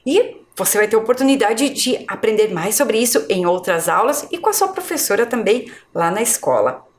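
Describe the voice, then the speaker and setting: A Brazilian woman teaching a video lesson to young children, with slow, clear, exaggerated pronunciation. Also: mid-range voice. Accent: Brazilian Portuguese. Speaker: primary school teacher. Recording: echoey room.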